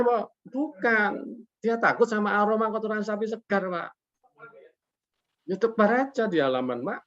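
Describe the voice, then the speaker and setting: A man's voice: high voice, a bit bright. A man who is a guest expert on a webinar, explaining in a folksy way, asking himself rhetorical questions and politely addressing the host after nearly every phrase. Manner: poses rhetorical questions and answers them himself. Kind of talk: casual explanatory talk over a webinar call. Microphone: video call. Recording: lo-fi online call audio.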